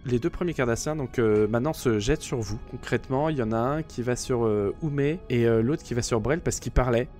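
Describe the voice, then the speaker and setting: A French man runs a tabletop role-playing session, describing outcomes and dice results. He talks at a mid pitch and stops often to restart his sentences. Faint music plays behind him. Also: brisk, hardly any pauses, darkish tone. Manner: explains rolls with many fillers and restarts. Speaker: game master. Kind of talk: narrating a tabletop game.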